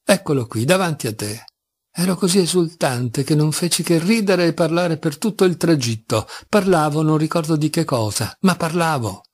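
A man reading a classic novel aloud as an audiobook, measured and expressive, with dramatic pauses. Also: on the high side, slightly rough. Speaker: audiobook reader. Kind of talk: literary audiobook narration.

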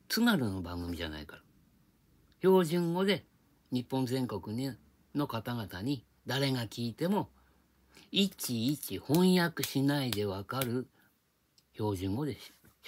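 Guy rambling to his channel, husky voice, swings up and down a lot, keeps asking rhetorical questions. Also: mid-range voice, big pitch swings, measured pace. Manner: chatty, explains with rhetorical questions. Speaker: video channel host. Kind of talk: casual rambling monologue. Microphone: tablet microphone.

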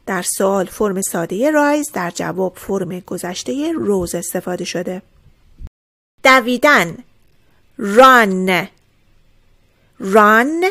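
Woman teacher, mid-pitched, slow careful drills, calm explanations, plain lesson voice. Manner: repeats each word slowly and clearly, explaining calmly. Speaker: English teacher.

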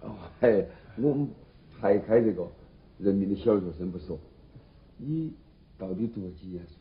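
Actor as a Sichuan-dialect bluffing middle-aged job seeker, muffled. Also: male voice, fairly low pitch, animated, moderate pace, natural voice. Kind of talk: comedy TV drama dialogue. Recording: dull lo-fi old TV sound, noisy.

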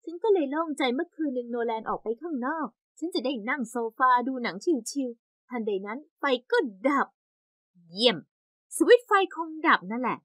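A young woman narrating an animated story in the first person with lively, exaggerated storytelling. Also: high-pitched, a little fast, no echo, clean studio sound.

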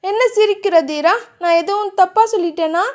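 A woman voicing an innocent, playful young heroine in a romance audiobook, with a childlike, cheerful way of speaking. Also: moderate pace. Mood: sweet. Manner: childlike, cheerful, high and sing-song.

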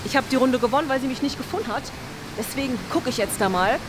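A young woman hosts a YouTube challenge vlog in a big indoor swimming pool hall, her high voice moving fast over background noise. She chats casually, thinking out loud as she addresses the camera.

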